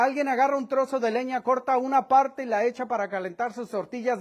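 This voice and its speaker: A male pastor delivers an earnest sermon. His voice sits fairly high, and he reads scripture aloud before explaining it. Phrase endings often sink low and quiet.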